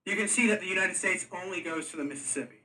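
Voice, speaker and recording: A man acting as game master for a casual tabletop session, his voice bright and a touch high. He wanders through his thoughts, restarting sentences as he goes. He sits some way back from the microphone. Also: recorded from a distance, slight background noise, rough recording. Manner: rambling, halting with restarts. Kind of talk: casual tabletop lore talk.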